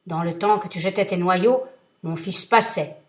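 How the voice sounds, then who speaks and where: Woman voicing a vengeful ancient genie, booming, menacing, relentless, storybook. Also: moderate pace, natural voice.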